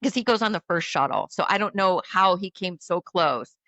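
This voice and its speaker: A woman telling a dramatic personal story in casual chat, animated and acting out the voices of others. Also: on the low side, normal speed, no echo, lo-fi sound. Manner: animated, acts out quoted voices.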